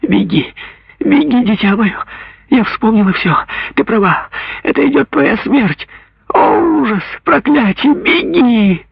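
A man voicing a distraught old recluse mother in an audiobook, with a husky, gravelly voice. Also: a little high, moderate pace, no echo, pitched above the performer's own voice. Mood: frantic. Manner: pleading, swinging between rapture and terror. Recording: dull lo-fi dry recording.

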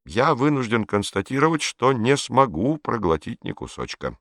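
A man's voice: medium pitch, very animated, moderate pace, fairly bright tone, no room sound, studio quality, pitched above the performer's own voice. A man voicing an authoritarian male leader, genial on the surface but icy and imperious. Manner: imperious, with sudden cold edges.

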